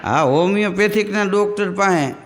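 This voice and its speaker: A man with a Kathiawadi Gujarati accent telling stand-up jokes in a folksy storytelling way, jumping into quick character voices. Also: sits high, in a large hall. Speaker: comedian.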